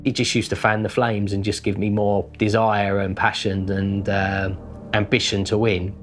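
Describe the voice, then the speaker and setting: In a documentary interview, a working-class London painter reflects informally and thoughtfully, using lots of "kind of" fillers. His voice is on the low side and fairly bright, with flat delivery at a moderate pace and faint music behind.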